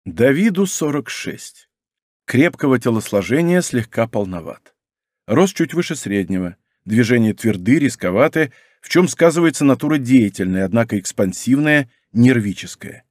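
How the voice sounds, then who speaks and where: A man reads an audiobook aloud in a steady, even manner, his voice at an ordinary pitch. He is recorded on a close mic with a dry sound and no room echo. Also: normal speed. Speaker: narrator. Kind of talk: audiobook narration.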